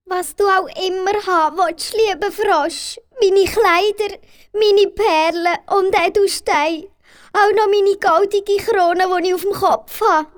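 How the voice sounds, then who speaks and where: A woman's voice: extremely high pitch, steady tone, slow pace. A woman voicing a spoiled young princess with a Swiss German accent, petulant and pleading. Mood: eager.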